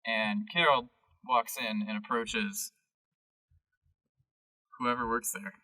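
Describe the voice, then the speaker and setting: A man's voice: mid-range voice, very animated, slow pace, bright, forceful tone, recorded from a distance, low-quality recording. A man narrating a tabletop game as game master, rambling and listing things eagerly.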